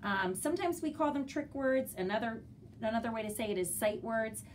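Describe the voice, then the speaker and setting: A woman's voice: fairly high pitch, lively intonation, brisk. Woman teacher explaining over background noise. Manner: simple step-by-step explaining, sounding out words. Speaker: kindergarten teacher. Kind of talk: instructional walkthrough for parents.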